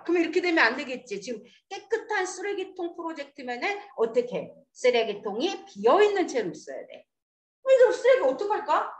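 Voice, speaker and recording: High-pitched lady teacher drilling her class, bouncy, roomy sound. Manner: lively, coaxing, drills students with questions. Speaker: English teacher. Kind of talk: classroom lesson. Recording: echoey classroom.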